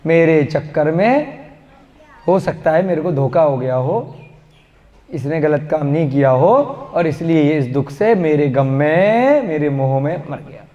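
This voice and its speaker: A man's voice: on the high side, unhurried, dull audio, voice pushed down, close to an everyday voice. A man voicing a grieving female monkey who wails and blames herself for her husband's death, in a storytold lesson. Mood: remorseful. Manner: wailing, self-blaming lament. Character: grieving female monkey wife, frantic, remorseful. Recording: long hall reverb.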